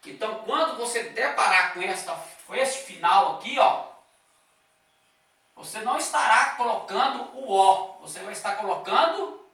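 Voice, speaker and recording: Teacher, male, high pitch, bright edge, leisurely lecturing pace; recorded far off in a roomy, reverberant space. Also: lively intonation, moderate pace. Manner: explains step by step, with frequent "tá?" and "ó" checks. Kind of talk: classroom lecture. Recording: echoey room, voice from a distance.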